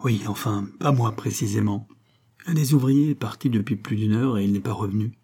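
A middle-aged site boss brushes off blame in a grumbling, defensive way, as a man reads him aloud. The voice stays low-key, mellow and slightly husky. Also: brisk.

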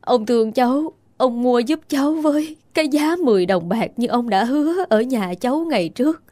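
Woman playing a high-voiced young widow, wailing and pleading, dry close sound, audio ghost story. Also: expressive, normal speed, dark tone, no room sound, lightly acted. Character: grieving young village widow, secretly scheming.

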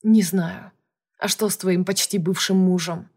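A woman's voice: lowish voice, fairly even intonation, unhurried, a little mellow, husky. A woman reading the lines of a brusque, jealous male boss in an audiobook, curt and sarcastic. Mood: subdued.

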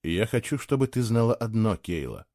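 Male reader voicing a grown man, low, firm and hushed, varied in tone. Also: very animated, moderate pace, dry recording, clean studio sound. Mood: tender, hushed. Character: grown man, cold then tender lover.

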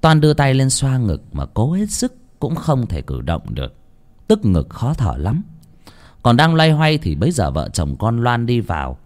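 A man narrating a folk tale in an expressive way. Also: medium pitch, normal speed. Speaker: storyteller. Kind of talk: dramatic story narration.

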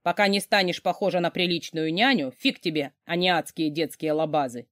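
A woman's voice: on the low side, a little fast, dry recording, clean studio sound, close to an everyday voice. A woman voicing an overbearing wealthy man, a huge mocking boss who barks orders. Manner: gruff, barking, mocking orders.

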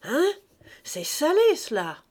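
A woman voicing a domineering, boastful man who mocks and declaims loudly in a read-aloud story. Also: a little high, a little slow. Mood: triumphant. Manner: loud, exclamatory and mocking.

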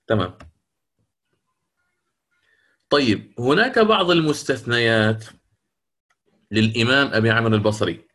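A man teaching the rules of Quran recitation in a lecture, who explains step by step, checks in with his listeners and recites verse examples slowly. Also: mid-range voice, sharp tone.

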